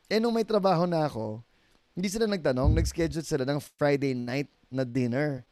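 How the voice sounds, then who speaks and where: Animated Filipino pastor telling stories. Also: male voice, fairly high pitch, fairly quick. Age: middle-aged. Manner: animated storyteller who acts out quoted voices, laughs easily. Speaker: pastor guest. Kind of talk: casual podcast storytelling.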